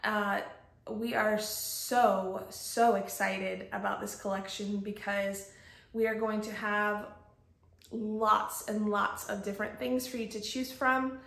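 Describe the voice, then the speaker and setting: A woman's voice: medium pitch, level tone, takes it slowly, creaky, a bit bright. A woman in her forties hosting a casual podcast, chatty with many ums, recorded in a bare room that sounds echoey. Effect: echoey empty room. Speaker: podcast host and shop owner. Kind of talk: casual chat. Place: empty home office with bare walls.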